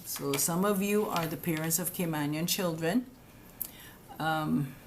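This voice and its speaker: A woman's voice: sits low, unhurried, slight background noise. A woman hosting a live stream, explaining immigration rules in a direct, chatty, scolding way and addressing viewers as guys. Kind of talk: casual live-stream explainer answering comments. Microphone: webcam or phone on a live stream.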